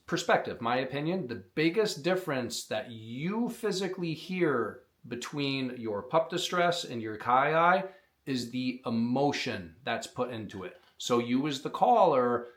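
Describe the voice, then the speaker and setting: Man explaining a hunting call. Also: mid-range voice. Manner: plain, practical explaining with occasional restarts. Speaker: call maker teaching coyote calling. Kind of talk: instructional demonstration.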